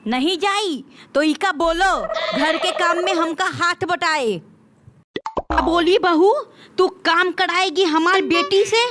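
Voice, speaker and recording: A woman's voice: very high-pitched, takes it slowly, noisy background. A woman voicing a bossy, scolding older mother-in-law in a cartoon, talking in a taunting, rustic way. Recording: cartoon dub with loud music behind.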